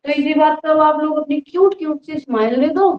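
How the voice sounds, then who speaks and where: High-voiced young woman teaching online, teasing and chatty, bit of a cold, roomy dull lo-fi sound. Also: fairly quick. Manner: chatty, teasing, affectionate with students. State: has a cold and cough. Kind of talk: casual live online class.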